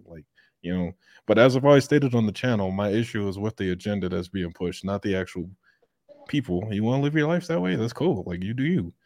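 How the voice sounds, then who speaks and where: A man hosting a podcast in casual commentary, blunt and profane, breaking into loud laughter. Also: on the low side, dry recording, clean studio sound. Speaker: podcast host.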